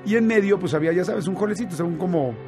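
A man with a Mexican accent telling a personal story in casual chat, animated and full of fillers and restarts. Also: sits high, rapid-fire, over music. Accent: Mexican Spanish.

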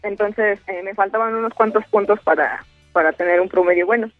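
A woman's voice: mid-range voice, fairly quick, no echo. A woman, a student calling in to a radio show, telling a story chattily with many fillers. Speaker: caller, student. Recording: dry, tinny phone line with music behind.

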